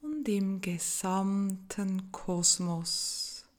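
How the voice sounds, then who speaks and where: Very slow, soft-spoken woman guiding meditation. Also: medium pitch. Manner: soft, gentle, breathy delivery with long pauses. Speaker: meditation guide. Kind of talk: guided meditation narration.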